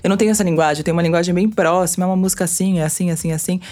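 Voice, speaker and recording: A woman's voice: lowish voice, fairly even intonation, racing, a little mellow. A woman chatting casually as an interview guest, a radio presenter with an informal, self-deprecating manner. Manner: informal, self-deprecating, uses playful mimicked quotes. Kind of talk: casual chat.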